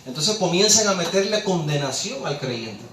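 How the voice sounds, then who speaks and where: A man's voice: high voice, expressive, moderate pace, crowd noise. A man preaching a sermon, impassioned, rhetorical and scolding. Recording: echoey room, distant mic, faint ambience.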